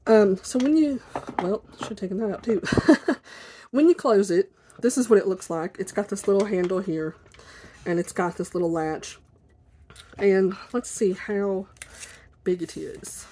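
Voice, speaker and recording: Chatty, informal woman vlogger, mid-pitched. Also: measured pace, pauses often, mellow, slight background noise. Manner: informal, apologetic, giggly rambling. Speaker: video blogger. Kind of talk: casual chatty desk vlog. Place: at a desk indoors. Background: squeaky chair creaking.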